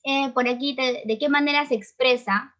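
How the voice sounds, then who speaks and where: A woman with a Peruvian accent teaching an online grammar lesson, explaining patiently and checking in often with quick tag questions. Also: high voice, fairly even intonation, a bit bright. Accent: Peruvian Spanish. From Peru.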